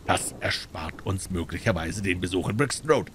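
Male reader doing a cool, clever detective, low, soft-spoken, unhurried. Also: a little hiss or hum. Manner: calm, friendly, measured. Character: calm, shrewd male detective.

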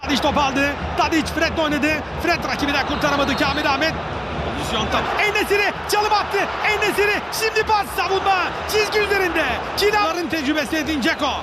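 A man commentating on a football match in excited, clipped play-by-play, shouting and screaming at the big moments. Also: extremely high pitch, fairly quick. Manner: shouts and screams at goals and chances; short clipped phrases naming players. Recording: loud music and crowd noise behind.

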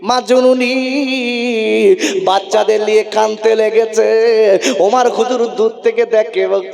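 A man's voice: sits high, steady tone, a little slow, creaky, music in the background. A male preacher giving an impassioned sermon, calling out to the crowd. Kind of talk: Islamic waz sermon.

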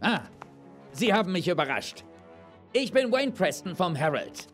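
A man's voice: sits high, big pitch swings, unhurried, fairly bright tone, soft background music, heavily acted. An actor playing a nervous, ingratiating male reporter in a video game, eager and apologetic. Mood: startled, persuasive. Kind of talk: video game acting, German dub.

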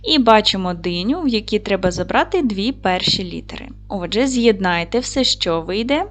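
A woman's voice: medium pitch, lively intonation, moderate pace, faint music behind. A woman teaching a recorded lesson to young children. She is patient and encouraging, asks questions, and answers them herself. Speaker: primary school teacher.

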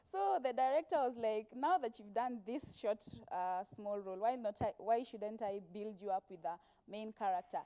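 Barely pausing, she talks at a moderate pace in a warm, highish voice with lively intonation. She's a Kenyan actress in her twenties guesting on a TV interview from a studio sofa, chatting casually and quoting people in her stories, miked with a lapel clip-on.

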